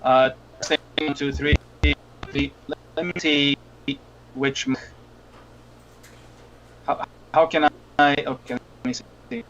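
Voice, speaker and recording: A man's voice: on the high side, steady tone, fairly bright tone, slight background noise. A man on a glitchy, cutting-out call. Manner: halting, hesitant. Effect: glitchy audio that keeps cutting out. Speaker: official joining a meeting remotely. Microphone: video call. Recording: muffled, choppy video-call audio.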